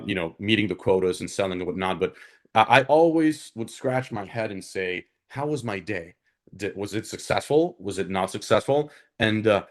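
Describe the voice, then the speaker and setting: A man from Honduras, speaking as an alumnus guest on a panel in an earnest, conversational way that often checks in with the listener. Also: lowish voice. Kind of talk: conversational career talk on a panel.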